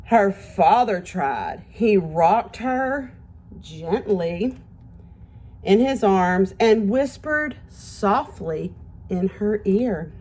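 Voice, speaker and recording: A woman teacher with a slightly high, gravelly, somewhat mellow voice reads aloud to young children. She speaks expressively in simple words, addressing them directly with questions and praise.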